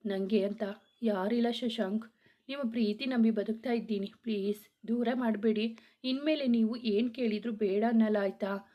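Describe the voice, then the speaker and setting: A woman's voice: on the high side, steady tone, moderate pace, close to an everyday voice. A woman playing a tearful pleading young girlfriend. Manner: pleading, apologetic. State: tearful, sobbing. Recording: dull lo-fi audio.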